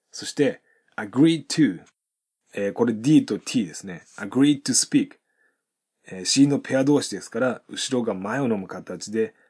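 A man teaching English pronunciation in an explanatory lesson, reading model sentences slowly and carefully between quick explanations with many fillers. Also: lowish voice, warm tone, husky.

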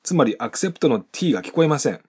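A man with a husky, slightly breathy voice walks through pronunciation drills in a methodical way. He breaks each phrase down into its sounds and repeats the example sentences slowly. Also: mid-range voice, very animated, darkish tone. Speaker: English pronunciation teacher. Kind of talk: instructional explanation with example sentences.

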